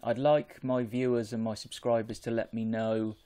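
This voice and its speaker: A man, talking in a measured, explanatory way as a vlogger chatting casually on an earphone microphone at home. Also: mid-range voice, flat delivery, warm tone. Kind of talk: casual chat to camera. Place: small home room with bookshelves.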